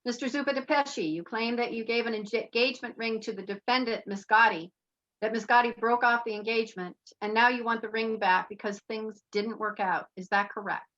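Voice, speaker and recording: A stern, impatient judge, played by a woman who cuts people off curtly. Her tone is bright and sharp. The recording sounds dull and lo-fi. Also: a little high, fairly even intonation, fairly quick, lightly acted. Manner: curt, no-nonsense.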